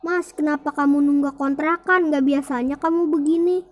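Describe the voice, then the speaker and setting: A man's voice: very high-pitched, fairly even intonation, normal speed, a little hiss or hum. Worried nagging wife, as a young man puts her on. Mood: upset. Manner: pleading and nagging.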